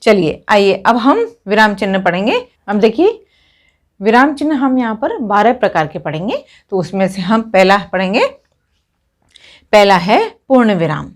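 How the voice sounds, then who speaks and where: A woman's voice: mid-range voice, very animated, moderate pace. A woman teacher giving a grammar lesson, explaining each point step by step with a recurring stock opener.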